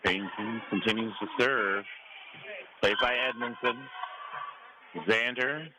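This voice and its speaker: Over a clear backdrop of noisy gym sound, a male sports announcer gives live radio play-by-play of volleyball from courtside in clipped running calls. His pitch is medium and his delivery slow.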